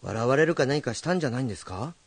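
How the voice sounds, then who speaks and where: An actor playing a young, earnest rakugo storyteller who is direct and meddling but kind. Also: male voice, mid-range voice, rapid-fire, breathy edge, dry recording. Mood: calm. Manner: animated, direct speech.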